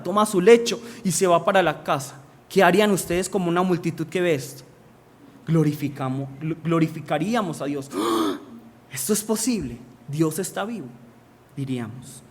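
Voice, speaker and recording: A man's voice: on the high side, slight background noise. A male preacher, giving a sermon and asking the congregation questions that he answers himself.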